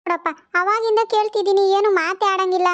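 Cartoon mother-in-law voiced by a woman, worried coaxing tone, very high pitch, dull lo-fi. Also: fairly even intonation, fast. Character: caring older mother-in-law, anxious and fussing. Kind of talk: cartoon voice acting. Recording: dull lo-fi recording.

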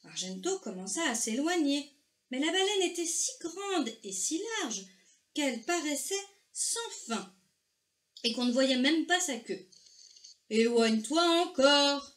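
A woman reading a children's story aloud, slow, gentle and expressive. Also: high-pitched. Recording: echoey room, faint noise.

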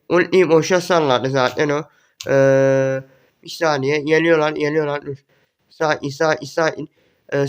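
Excitable young man, high voice. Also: clear, resonant tone. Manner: excitable, repeats words in quick bursts. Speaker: gaming YouTuber. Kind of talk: live gameplay commentary.

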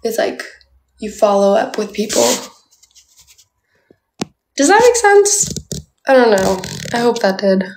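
A young Canadian woman chats playfully with livestream viewers, peppering her talk with "like," while filming on a phone at arm's length in a small indoor room. Her voice is a little high with big pitch swings, a measured pace, long pauses and a darkish tone. The room echoes, and there's a little hiss or hum.

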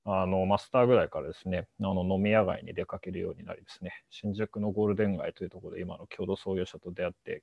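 A man's voice: deep voice, creaky, darkish tone, breathy edge, no room sound. A man, a startup co-founder, giving a polite, hedging presentation in an online talk, with many fillers. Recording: muffled dry call audio.

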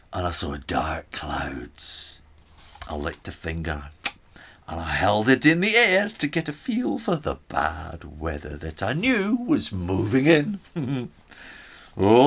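A man's voice: on the high side, gravelly, fairly bright tone, heavily acted. A man voicing a crafty Scottish island man, telling the story in the first person with a put-on Scottish accent. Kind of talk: storytime reading in character.

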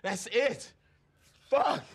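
A young man playing a cornered getaway driver in a film, husky, streetwise, profane and defensive. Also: on the low side, moderate pace. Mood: desperate pleading. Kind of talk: naturalistic film interrogation acting. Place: indoors, lamp-lit hotel suite.

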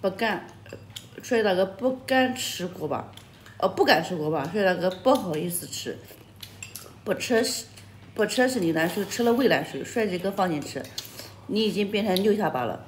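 A woman's voice: medium pitch, lively intonation, normal speed. A woman hosting a livestream as she eats, chatting casually and teasing her viewers with frequent laughs. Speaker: livestream host. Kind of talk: casual chat while eating on a livestream. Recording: echoey room with faint noise and clattering dishes.

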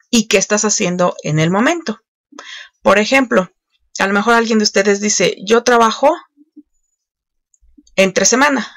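A woman walks learners patiently through an online English lesson. She pauses with frequent fillers as she explains each step. The recording is dry and close, with no room sound. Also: mid-range voice, creaky, a bit bright, no room sound.

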